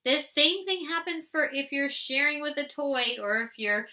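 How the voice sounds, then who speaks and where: A woman giving parenting advice in an animated way, asking rhetorical questions and acting out parent and child. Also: sits high, moderate pace. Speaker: parenting educator.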